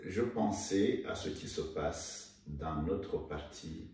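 Older male guest author from Rwanda, deep voice, slow and halting delivery, recorded in an echoey room from a distance. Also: darkish tone. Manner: slow, hesitant, repeats words while searching. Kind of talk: conversational interview. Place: indoor room, seated in armchair. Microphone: far camera. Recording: echoey room, mic at a distance, faint noise.

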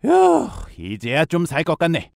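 An actor playing a boastful, panicky self-styled survival expert in a cartoon, self-important and melodramatic. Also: male voice, fairly high pitch, huge pitch swings, unhurried, creaky, dry recording, clean studio sound, heavily acted. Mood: smug. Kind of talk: dramatic cartoon comedy acting with monologue.

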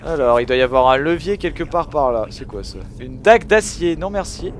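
A man giving excitable gameplay commentary, swearing and shouting at the game as he plays. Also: a little high, brisk, a little hiss or hum. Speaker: gaming video host.

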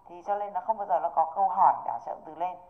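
A woman's voice: lowish voice, fairly even intonation, fast. A woman English teacher, patiently walking students through an online exam review and often checking that they follow. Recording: tinny phone-like online call audio.

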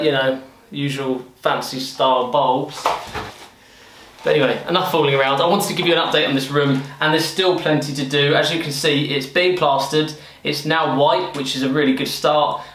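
A man's voice: mid-range voice, a bit bright. A young British man giving a chatty, self-deprecating renovation update to camera in a half-finished room. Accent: British English. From United Kingdom. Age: young adult. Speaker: property renovation vlogger. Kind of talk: casual DIY update to camera. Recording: roomy echo of a bare room.

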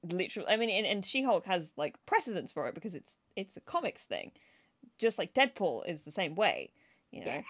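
A woman's voice: fairly low pitch, sing-song, brisk, fairly bright tone. A woman co-hosting a film podcast, talking in long, rambling digressions that keep interrupting themselves. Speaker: podcast co-host. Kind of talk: casual film chat.

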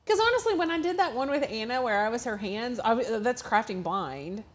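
A woman's voice: on the high side, animated, a little fast. A woman co-hosting a casual craft livestream, reading viewer comments aloud and laughing often. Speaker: co-host reading live chat.

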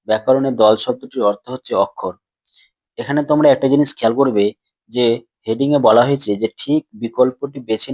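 A man teaching a grammar lesson at a middle pitch, patient and steady. He poses a question and then answers it himself, drawing words out slowly as he breaks them into syllables. The recording is dry and close. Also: dry recording. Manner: stretches out words slowly when splitting syllables. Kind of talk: classroom lesson explanation.

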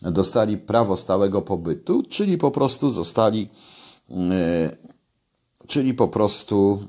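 Recorded by a desk webcam, an older man in his home kitchen talks casually to camera in a fairly low, dark, sing-song voice at a measured pace. His tone stays conversational, but he lifts his voice for key points.

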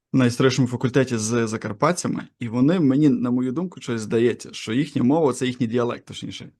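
A male interviewer with a gravelly, creaky voice talks casually. He asks curious questions and adds his own stories. His voice sits at a middle pitch. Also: darkish tone. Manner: casual, curious, shares personal anecdotes. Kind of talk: conversational interview.

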